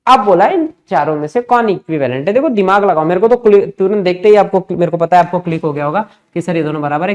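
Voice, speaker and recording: A man's voice: high voice, a little mellow. Male maths teacher. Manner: explanatory, keeps calling students "kids", mixes English terms in. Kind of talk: exam-prep lesson.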